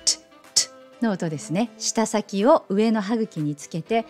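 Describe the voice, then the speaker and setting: 英語の発音を丁寧に教える女性の先生で、子どもに語りかけるように楽しげに誘導する。. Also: female voice, unhurried, soft background music. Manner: playful, coaxing as if to children; animated, lively pitch. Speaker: English teacher. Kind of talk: pronunciation lesson.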